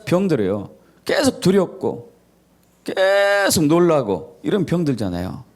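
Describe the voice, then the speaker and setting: Male pastor preaching, lively up-and-down voice, kinda high, keeps asking the crowd stuff and answering himself. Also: a little slow. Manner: questions the congregation and answers them himself; acts out scolding and gentle parent voices. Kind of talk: sermon.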